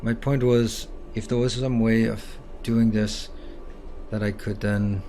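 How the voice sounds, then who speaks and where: A man's voice: lowish voice, level tone, takes it slowly, mellow, slight background noise. A man playing a puzzle game blind, muttering his reasoning aloud and mocking himself. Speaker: gaming video host.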